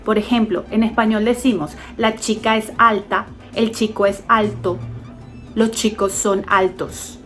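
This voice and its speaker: A woman giving an online English lesson, explaining step by step and slowly sounding out English example words. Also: a little high. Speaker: English teacher.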